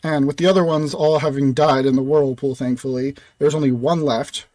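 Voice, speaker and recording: A man's voice: medium pitch, fairly even intonation, brisk, a little mellow, no room sound. A young man casually narrating a recap of his tabletop fantasy campaign, with loose phrasing full of "kind of" and "like".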